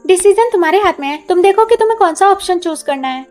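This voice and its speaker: A woman's voice: very high voice, animated, quick pace, darkish tone, soft background music. A woman voicing a smug, threatening male villain in a drama recap, speaking menacingly.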